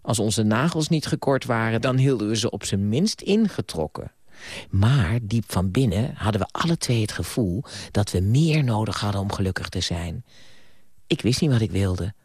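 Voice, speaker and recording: A man reading an audiobook voices a sharp-tongued, headstrong young woman in a raised, haughty voice. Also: on the low side, expressive, normal speed, slightly rough, no echo, clean studio sound. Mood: animated.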